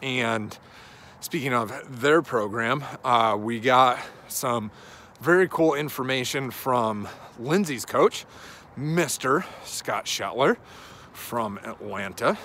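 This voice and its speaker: Walking outdoors on a suburban street, a coach in his thirties talks casually into a phone held at arm's length, musing as he goes. His medium-pitched, fairly bright voice is expressive and slow, with a little hiss or hum on the recording.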